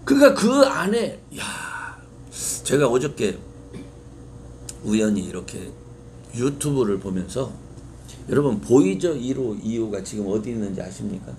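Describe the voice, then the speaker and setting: A man's voice: mid-range voice, sing-song, unhurried, long pauses, a little mellow, slight background noise. A male pastor preaching an impassioned sermon, putting rhetorical questions to his congregation. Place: church sanctuary.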